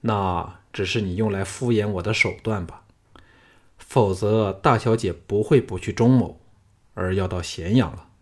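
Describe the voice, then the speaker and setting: A man with a husky voice reading a cool, self-assured male swordsman hero in an audiobook, speaking low and measured. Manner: calm, low, measured speech. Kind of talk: audiobook character voice.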